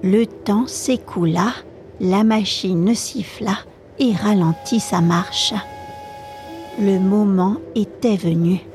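A woman storyteller reading a classic novel aloud for a podcast in a calm, measured way. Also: medium pitch, soft background music.

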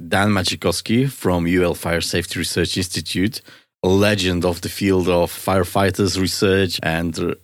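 A man's voice: deep voice, no echo, clean studio sound. A man hosting a science podcast in a conversational, explaining style, with an enthusiastic, curious manner. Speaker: podcast host.

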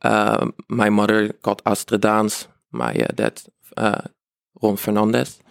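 A man's voice: on the low side, sing-song, measured pace, gravelly, no room sound, studio quality. A man, introducing himself informally on a podcast. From Rotterdam, Netherlands. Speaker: student panel guest.

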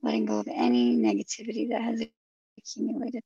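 Soft breathy lady doing guided meditation, super creaky n mellow, almost whispery, kinda dull lo-fi audio. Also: on the high side, flat delivery, fast, no room sound. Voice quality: soft, breathy, husky, at times near a whisper. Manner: soothing, gentle, instructive.

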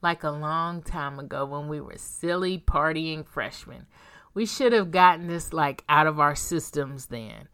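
A woman's voice: sits low, a little slow, fairly bright tone, clean tone. A woman reading as a wry, flustered young woman. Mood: musing.

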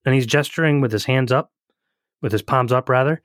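A man's voice: mid-range voice, brisk, no room sound, studio quality. A man co-hosting a podcast in casual chat, talking loosely with restarts and frequent laughs. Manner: chatty, rambling with restarts, laughs often. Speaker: podcast co-host.

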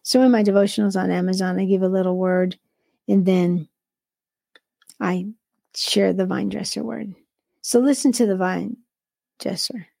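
Gravelly, mellow-voiced woman sharing her faith. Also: mid-range voice, fairly even intonation, moderate pace, long pauses, no echo. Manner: earnest, quotes scripture aloud; restarts and self-corrections. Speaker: entrepreneur and devotional author. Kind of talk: faith-based conversational sharing.

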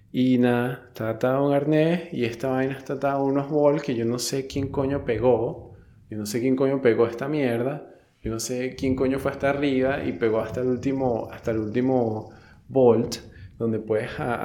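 A man's voice: medium pitch, warm tone. A young Venezuelan man telling a story casually, full of slang and swearing, with many restarts.

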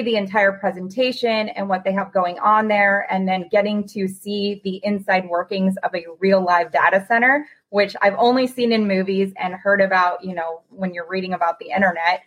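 A woman's voice: medium pitch, a bit bright, low-quality recording. An enthusiastic, talkative woman, hosting a casual interview podcast. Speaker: podcast host.

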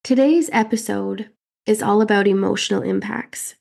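A woman hosting a motivational podcast while getting over a head cold, her voice nasal and raspy, coaching listeners directly with earnest questions. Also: mid-range voice, moderate pace, darkish tone. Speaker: podcast host and fertility mindset coach.

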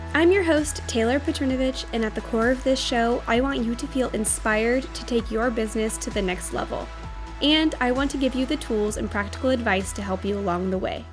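A young adult woman hosting a solo business podcast, upbeat and motivational, her voice nasal from a cold. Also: a little high. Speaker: podcast host.

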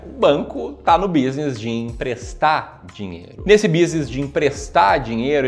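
Brazilian guy hosting an explainer vid, medium pitch, punchy showman delivery, slangy asides, music behind him. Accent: Brazilian Portuguese. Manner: informal, colloquial asides. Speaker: video host, professional investment manager. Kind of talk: direct-to-camera explainer.

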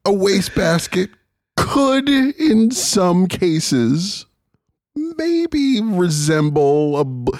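Man, podcast co-host, slow delivery, hesitant, dry close sound. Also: sits high, very animated, a little mellow, no echo. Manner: hesitant, halting, self-mocking. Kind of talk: casual podcast chat.

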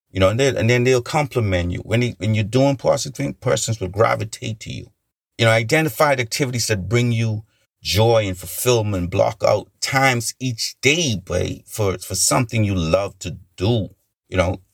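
A man's voice: fairly low pitch, creaky, dry recording, studio quality. A man giving an earnest, rambling motivational talk, often repeating himself and leaning on "you know" as he encourages listeners. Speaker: motivational speaker.

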